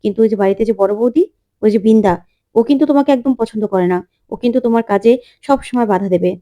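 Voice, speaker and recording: A woman voicing a calm adult man who gives advice, in a plain reading voice. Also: a little high, very fast, natural voice. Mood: advising.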